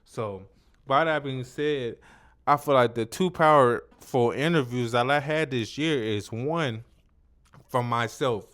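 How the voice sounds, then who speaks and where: He takes things slowly, his mid-range voice carrying a fairly bright tone. As host of a casual interview, this man leans on slang, curses a lot, and stresses the same points repeatedly.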